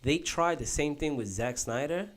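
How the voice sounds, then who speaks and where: A young man hosting a casual podcast chat, rambling and animated, with lots of "bro" and restarts. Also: fairly high pitch, moderate pace. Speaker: podcast host. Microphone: podcast mic.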